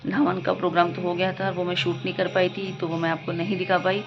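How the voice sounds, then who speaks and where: A woman's voice: lowish voice, flat delivery, fast, music in the background. Chatty woman vlogging at home. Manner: chatty, rambling, self-mocking. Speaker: family vlogger. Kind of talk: casual home vlog chat. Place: family home indoors. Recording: slightly muffled phone audio.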